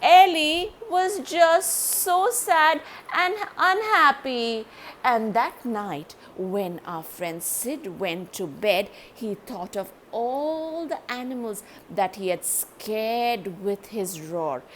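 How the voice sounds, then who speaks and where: Slow, high-voiced woman storyteller. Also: a little hiss or hum. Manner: animated, addresses young listeners directly. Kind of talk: children's story read-aloud.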